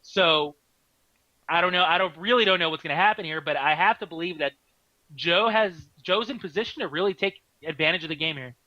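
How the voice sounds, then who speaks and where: A man doing live card game commentary, excitable, laughing often and restarting his sentences. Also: on the high side, brisk, no echo, muffled recording.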